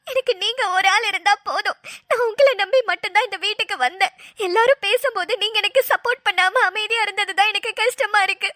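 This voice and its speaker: A woman's voice: very high voice, fast talker, bright, forceful tone, no room sound, studio quality. A woman voicing a young newlywed wife in a cartoon, pleading and tearful as she complains about her husband's family. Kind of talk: Tamil cartoon drama voice acting.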